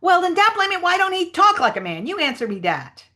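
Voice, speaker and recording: A woman reading aloud as a stubborn grown man who argues in dialect, in a lowered, indignant voice. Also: sing-song, a little fast, sharp tone, exaggerated voice. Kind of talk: reading aloud a novel dialogue.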